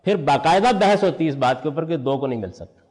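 A man's voice: on the high side, lively intonation, a little mellow, long reverb tail. An older man teaching a religious lesson, explaining step by step and answering his own questions. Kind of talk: lecture on Quranic language.

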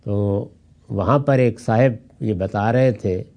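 Mellow older man explaining scripture. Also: fairly low pitch. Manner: storytelling with anecdotes, reciting Arabic verses. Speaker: Islamic scholar. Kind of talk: Quran commentary lecture.

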